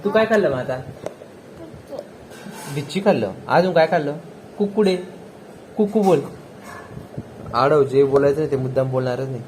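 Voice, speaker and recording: A man in a casual home video, coaxing a toddler in a playful sing-song voice that climbs high on his questions and breaks into laughter. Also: moderate pace, long pauses, slight background noise, low-quality recording. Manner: laughs warmly between prompts. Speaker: family vlogger filming a toddler.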